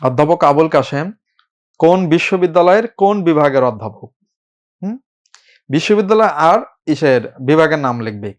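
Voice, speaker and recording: A man teaching an admission coaching class, informal and brisk, often checking in with his students. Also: fairly high pitch, animated. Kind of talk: live online class lecture.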